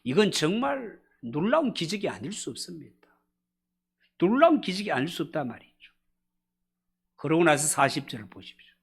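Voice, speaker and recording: A male pastor delivering an expository sermon at a church evening service, swinging between loud emphasis and hushed drops. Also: on the high side, sing-song, normal speed, creaky, pauses often, breathy edge.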